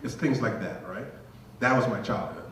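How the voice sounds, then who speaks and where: A man's voice: lowish voice, normal speed, fairly bright tone. A man in his thirties from Liberia, telling his story in a casual, self-deprecating way as a panel speaker at a symposium. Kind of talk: symposium talk. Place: lecture hall. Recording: echoey hall, distant mic.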